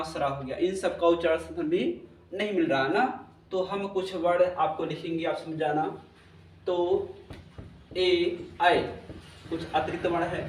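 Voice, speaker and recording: A man teaching a lesson, repeating each point and checking in with his listeners. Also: fairly high pitch. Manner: repetitive, checks in with listeners often. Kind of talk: classroom lesson. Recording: echoey room, mic at a distance, faint hum.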